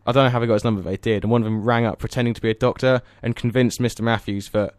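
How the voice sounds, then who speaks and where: A young man from England hosting a casual podcast chat, joking and teasing quickly. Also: mid-range voice, steady tone, clean tone, no echo. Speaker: podcast host.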